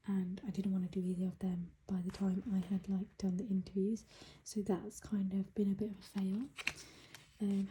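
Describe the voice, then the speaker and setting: Hushed, half-whispering British woman, very soft. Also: medium pitch, slight background noise, rough recording. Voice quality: soft, breathy, largely whispered. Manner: hushed, quiet early-morning voice so as not to wake others. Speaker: budgeting vlogger. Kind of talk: casual chat while counting cash. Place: indoors at home.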